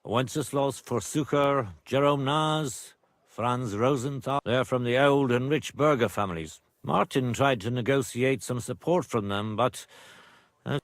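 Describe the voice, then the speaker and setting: An actor playing a proud older nobleman and father in a medieval video game, speaking gravely and formally. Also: mid-range voice, no room sound, lightly acted. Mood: matter-of-fact. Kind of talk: video game dialogue acting.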